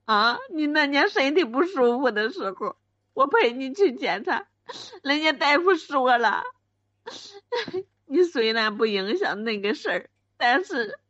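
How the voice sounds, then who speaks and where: A woman's voice: high voice, animated, measured pace, a bit bright, dry recording, exaggerated voice. A woman playing a wronged wife of ten years in a comedic radio skit, speaking, wailing and pleading. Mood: insistent. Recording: dry, dull lo-fi sound.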